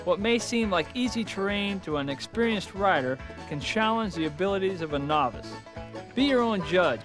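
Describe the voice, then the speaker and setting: An instructional narrator with a fairly high-pitched male voice reads a scripted safety lesson from a worn VHS tape copy. He gives firm warnings and clear dos and don'ts. Country guitar music is clearly heard under his voice. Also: lively intonation, moderate pace. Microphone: voice-over.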